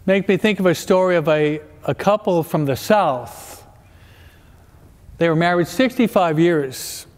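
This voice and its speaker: The recording, made in a large, echoey church with long reverb, catches a man with a high voice speaking unhurriedly. He's a priest giving a parish talk, mixing humor with instruction and frequently turning to the audience with questions.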